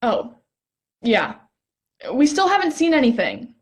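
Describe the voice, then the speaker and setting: A woman's voice: high voice, wildly swooping pitch, measured pace, full character voice. A young woman acting a playful, curious stargazer in a stage play reading, teasing and eager. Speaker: actor in a rehearsed play reading.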